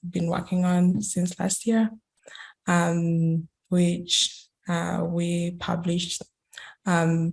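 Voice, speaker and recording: Soft-spoken young woman with a gravelly voice. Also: fairly low pitch. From Kenya. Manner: hesitant, many fillers and restarts. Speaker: guest speaker. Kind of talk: online academic talk.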